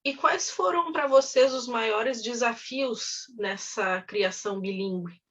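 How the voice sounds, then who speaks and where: Woman interviewer, slightly high voice. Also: slow pace, fairly bright tone, highs cut off. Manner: attentive, frequent brief affirmations. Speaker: interviewer, host. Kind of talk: casual interview chat.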